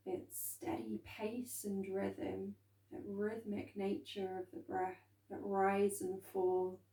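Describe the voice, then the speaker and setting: A meditation and movement instructor leads a calm grounding exercise, her soft, dark-toned, mid-range voice a little creaky. She speaks very slowly and gently, leaving soft pauses between phrases. The recording has a roomy echo, and she sits a little distant from the microphone.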